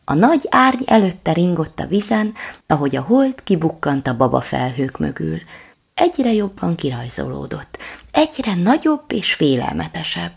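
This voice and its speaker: A woman narrates a children's story in a low, husky voice with a gravelly rasp. Her reading is lively and expressive, and her pitch swings widely as she follows the tale. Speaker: audiobook reader.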